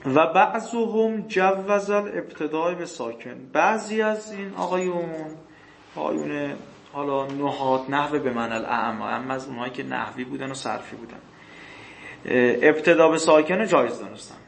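A male teacher giving a classroom lecture on grammar texts. He asks questions and answers them himself, reads passages slowly, and often clears his throat. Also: medium pitch, reverberant. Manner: reads passages slowly, then explains faster.

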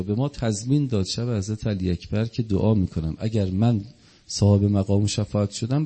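A man's voice: fairly low pitch, a little mellow, breathy edge. A man preaching an impassioned religious sermon, telling a story and acting out its dialogue. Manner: impassioned, acts out quoted dialogue.

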